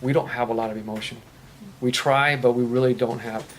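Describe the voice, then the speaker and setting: A man's voice: medium pitch, fairly even intonation, fairly quick, slight background noise. Earnest man answering questions at a meeting. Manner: earnest, faith-filled, rambling with restarts. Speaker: recovery ministry speaker. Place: meeting room.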